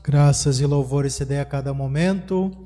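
A middle-aged Brazilian priest leads Mass from the altar of a small chapel. His voice is mellow and dark, and he draws out his prayers in a slow, measured way. The sound carries a long reverb around the room. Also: mid-range voice, soft background music. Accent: Brazilian Portuguese. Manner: measured liturgical delivery with slow drawn-out prayers. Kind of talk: leading a livestreamed Mass. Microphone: stand mic on the altar.

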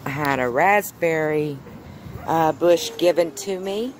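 With a deep voice and a slow pace, a mother walks through her backyard vegetable garden, filming on her phone and coaxing a little one with simple questions. The casual home video has a little hiss or hum.

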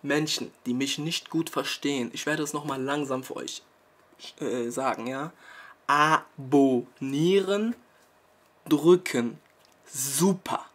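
Husky young man ranting at viewers. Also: mid-range voice, steady tone, moderate pace, a bit bright. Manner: exasperated, scolding, tags sentences with "ja?". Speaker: YouTuber. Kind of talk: mock-serious rant to camera.

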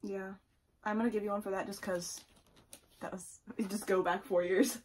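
A woman's voice: medium pitch, flat delivery, normal speed, darkish tone, a little hiss or hum. A young woman chatting casually and teasingly as co-host of a challenge vlog in a room at home. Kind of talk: casual chat. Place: small room at home, indoors.

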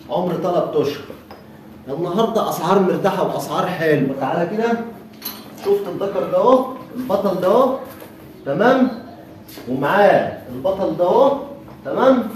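A man with an Egyptian Arabic accent rattles off his sales pitch for cattle at a brisk clip, his voice sitting a little high. He keeps praising each animal with blessings. The sound is distant and echoey with steady background noise. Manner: hawking cattle, repetitive blessings. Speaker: livestock seller. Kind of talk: sales walkthrough. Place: outdoor cattle pen.

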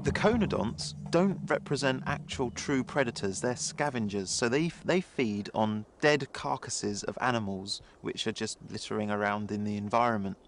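A man's voice: on the low side, normal speed, hardly any pauses. A man giving an informal expert explanation as an interviewed scientist. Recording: music under the voice.

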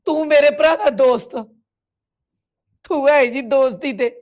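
A woman's voice: a little high, moderate pace, lightly acted. An actress with a Punjabi accent playing a grieving village woman who bitterly reproaches a family friend. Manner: reproachful, tearful accusations. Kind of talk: village web series drama.

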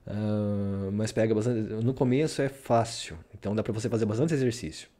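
A Brazilian vlogger with a fairly low, mellow voice talks briskly and casually about his study routine while sharing his screen. He rambles a lot and tags "né?" onto many of his sentences.

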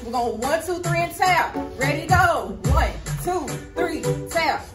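High-pitched American woman, energetic aerobics instructor. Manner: energetic, drawn-out commands and counts. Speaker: aerobics instructor leading a group ab workout. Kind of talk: aerobics instructor calling out moves and counts. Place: large indoor hall with hard floor. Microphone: far camera. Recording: echoey room, distant mic, loud music. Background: loud workout music.

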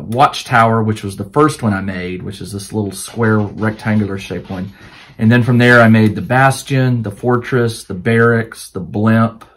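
A man hosting a crafting channel, answering viewer questions in a casual, rambling way, with many fillers and restarts, while his voice starts to wear out. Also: on the low side. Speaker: host of a tabletop crafting channel. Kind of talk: casual Q&A chat to camera.

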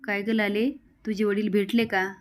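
A woman's voice: mid-range voice, little pitch movement, moderate pace, close to an everyday voice. A woman voicing a caring middle-aged village woman asking concerned questions.

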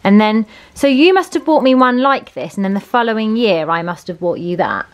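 An English vlogger in her thirties chats informally to the camera in an animated, slightly fast, medium-pitched voice, first in a parked car and later in a room at home. The recording is dry, with the car and room background noise clearly audible.

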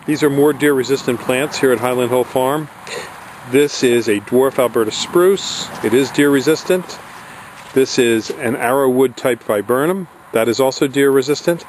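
A man selling plants from his nursery in a homemade pitch, salesy and repetitive. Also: normal speed. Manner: salesy, repeats phone number. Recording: outdoor camera audio with faint noise.

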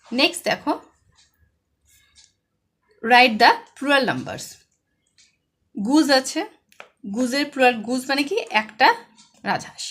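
A woman with a high voice and a West Bengal accent gives an online lesson to young children. She asks a question, then answers it herself. Each English word comes out slow and clearly stressed. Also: expressive, a bit bright. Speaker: primary school English tutor.

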